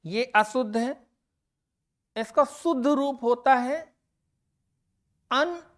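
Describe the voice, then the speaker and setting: A high-pitched woman teacher conducts a grammar lesson geared to exams. She talks unhurriedly and on purpose, restating and accenting each answer word for her learners.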